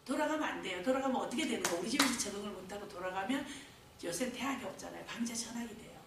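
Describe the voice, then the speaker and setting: A middle-aged woman who directs a care home tells stories at a faith lecture, lively and often laughing. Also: a little high, rapid-fire. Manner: lively storytelling with frequent laughter. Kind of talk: lecture at a faith talk series. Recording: very echoey hall, distant mic, noise.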